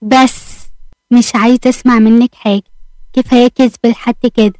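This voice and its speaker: A woman voicing a jealous, hot-tempered young husband in an Egyptian Arabic storybook tale, speaking in an accusing, sharp way. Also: a little high, steady tone, normal speed, no echo, faint music behind, close to an everyday voice. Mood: angry.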